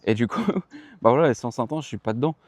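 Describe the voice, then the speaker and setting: A young man talks casually about his training in a mellow, darker voice, sounding tired. He rambles, restarts his sentences and drops slang. The recording is dry and close. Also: medium pitch, animated, fast, no echo. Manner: rambling, self-correcting, slangy. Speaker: running vlogger. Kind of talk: casual vlog chat to the viewer. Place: outdoors.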